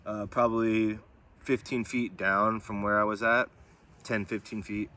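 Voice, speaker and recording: A man's voice: lowish voice, a bit bright. A man telling a personal testimony in a vlog, rambling, with lots of fillers, and often checking in with "right?". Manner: rambling, filler-heavy, keeps asking "right?". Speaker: vlogger.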